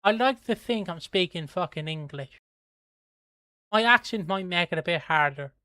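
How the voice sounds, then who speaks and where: On a dry recording, a medium-pitched voice with lively intonation and a sharp tone moves at normal speed. It's an Irish livestream host from Kildare, casually rambling, swearing and laughing over viewer comments while breezily, offhandedly plugging merch.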